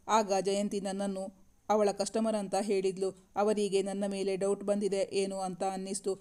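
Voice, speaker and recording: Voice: mid-range voice, dark tone, smooth, natural voice. A narrator reading the lines of a young man who respectfully reports to his boss in an audiobook novel. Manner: deferential, calls the listener sir.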